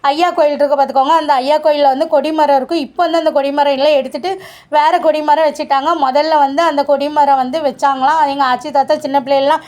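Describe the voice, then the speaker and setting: Woman vlogger, high voice, rattles along at a very fast clip, chatty and talks straight to viewers. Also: little pitch movement, darkish tone. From Tirunelveli region, Tamil Nadu. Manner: chatty, addresses viewers directly. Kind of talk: casual family vlog narration.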